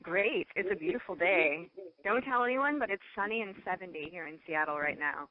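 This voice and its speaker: A woman's voice: lowish voice, animated, fairly quick, no room sound. Woman, over the phone, chatty, laughs a lot, muffled dry line. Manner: chatty, laughs often, restarts sentences. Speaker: guest cosmetics maker and scientist. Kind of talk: phone interview.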